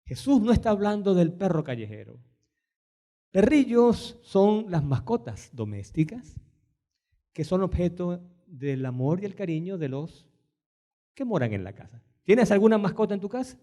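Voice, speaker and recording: Lively, high-pitched preaching man. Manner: dramatic, swings from soft to loud and slow when quoting; asks the listeners many questions. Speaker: pastor. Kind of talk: sermon.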